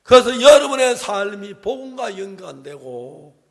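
An older pastor delivers a sermon in a fairly high voice, pressing his points hard and then dropping to hushed asides. He keeps turning to the congregation with quick rhetorical questions. His voice carries a long reverb, as if spoken in a large church hall. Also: big pitch swings. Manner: emphatic, shifts between loud exhortation and quiet asides; frequent rhetorical check-ins to the congregation.

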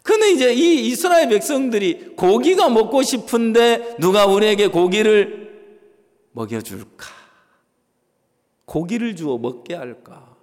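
High-voiced male pastor in a reverberant hall. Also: very animated, measured pace. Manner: swings between loud stressed lines and soft asides. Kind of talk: sermon.

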